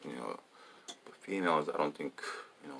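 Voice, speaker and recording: Super deep gravelly middle-aged guy, rambles on and on, faint hiss behind. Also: a little fast, fairly bright tone. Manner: meandering, repeats himself, many fillers. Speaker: vlogger. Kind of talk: rambling personal monologue.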